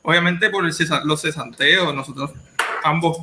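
A man's voice: fairly high pitch, moderate pace. A man in a casual podcast chat, speaking earnestly. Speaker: podcast guest. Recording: roomy echo, faint noise.

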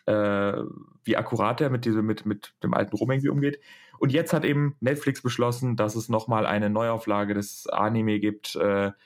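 A young man hosting a casual discussion, explaining in a rambling, hesitant way as he searches for words. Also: mid-range voice. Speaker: podcast host.

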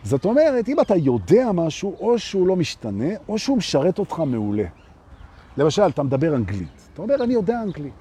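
Man, spiritual teacher, live talk: husky, dark voice, rhetorical, melodic swings. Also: a little high. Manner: rhetorical, keeps asking "right?"; lively, swings between loud and soft. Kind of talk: live spoken talk to an audience. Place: outdoors with street noise.

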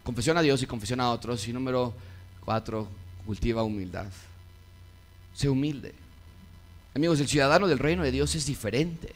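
A man's voice: moderate pace, pauses often. Emphatic preaching pastor, man. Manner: swings between loud emphatic peaks and quiet low asides; acts out quoted voices of listeners. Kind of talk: sermon.

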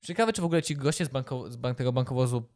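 A man's voice: medium pitch, racing, a little mellow. A man co-hosting a podcast, telling stories in a dry, casual way. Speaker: podcast co-host. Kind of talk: casual banter.

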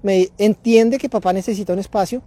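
A man with a high-pitched, mellow voice and fairly even intonation speaks briskly while hosting a parenting podcast outside in a neighborhood. He's casual and reflective, frequently repeating words and starting over.

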